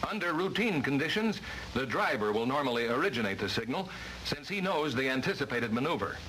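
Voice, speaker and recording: This is 1950s-style instructional narration by an American man, heard through a noisy old film soundtrack. He speaks briskly in a mid-range, bright, forceful voice with lively, swinging intonation, delivering the script formally and with emphasis, as in a training lesson.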